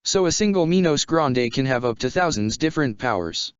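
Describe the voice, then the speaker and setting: A man reading a fan fiction story aloud in a steady, even way. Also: medium pitch, fairly quick, clean tone, no echo. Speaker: narrator. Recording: dull lo-fi sound.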